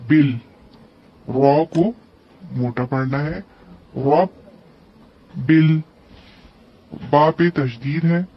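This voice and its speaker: A man's voice: mid-range voice, husky. A man teaching tajweed, breaking words into letters and drawing out the recited syllables between plain explanations. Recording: dull lo-fi recording.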